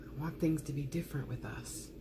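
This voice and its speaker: A woman giving a soft ASMR tarot love letter reading, speaking intimately and earnestly, with dramatic pauses. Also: low voice, noisy background.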